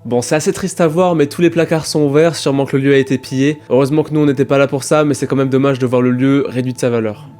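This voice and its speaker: Man, scripted voice-over narration, wry, fast, dark mellow tone. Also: medium pitch, fairly even intonation, soft background music. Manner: brisk, wry storytelling. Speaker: video creator.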